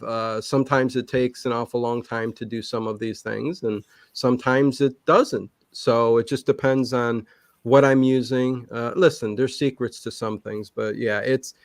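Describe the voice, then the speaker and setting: In a clean, dry studio recording, a man with a medium-pitched voice chats casually as the interviewee, a livestream channel host. He rambles emphatically and often starts his sentences over midway.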